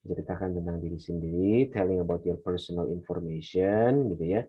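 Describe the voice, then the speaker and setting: A man teaching an English class, explaining in a relaxed way and slowing down to model English phrases. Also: low-pitched, slightly rough. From Indonesia. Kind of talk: online class lecture. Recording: dull lo-fi lecture recording.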